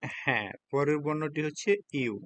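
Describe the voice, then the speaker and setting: A male language teacher with a Bangladeshi accent and a slightly high voice, giving a classroom lesson. He speaks patiently and keeps checking in with his students through questions. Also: normal speed, fairly bright tone. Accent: Bangladeshi Bengali. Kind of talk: classroom lesson explaining hiragana.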